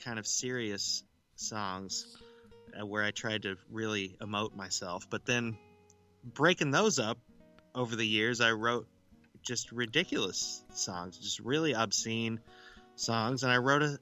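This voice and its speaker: A man in easygoing podcast banter, often laughing and tripping over his own words as he restarts sentences. His voice is bright and forceful, with faint music playing softly underneath. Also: medium pitch, unhurried. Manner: laughing, rambling, with stammered restarts. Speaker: podcast co-host.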